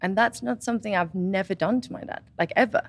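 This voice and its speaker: A woman in her twenties chatting casually, telling a personal story with animated retellings of what others said. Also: medium pitch, fast. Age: 20s. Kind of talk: casual chat.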